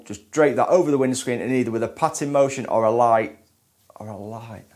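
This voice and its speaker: A man's voice: mid-range voice, fairly quick, a little mellow. Male presenter, 30s, instructional read to camera, stumbling and restarting takes. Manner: flubs and restarts lines, repeating takes. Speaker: presenter of car detailing tutorials.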